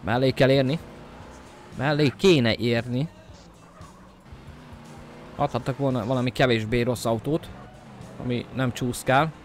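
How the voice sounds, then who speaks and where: A man talking his viewers through a game in loose, casual commentary. He jokes to himself and to the audience, swears now and then, and keeps bursting into high, loud shouts when things go wrong. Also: fairly even intonation, pauses often, faint music behind. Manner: jokey self-talk to viewers. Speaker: gameplay commentator. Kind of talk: casual let's-play commentary.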